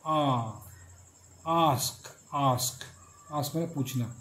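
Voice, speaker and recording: A man's voice: a little high, fairly bright tone. A middle-aged man teaching a phonetics lesson, repeating and drawing out each word as he explains it. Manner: slow, repetitive, drawn-out explanations. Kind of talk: classroom lecture on phonetics.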